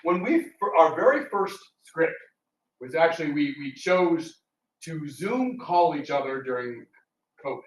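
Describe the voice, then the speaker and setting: A radio theatre performer gives a public talk indoors, chatting casually and rambling through anecdotes for the audience. His voice is a little high and sing-song, at a measured pace. A distant mic makes it roomy, with background noise.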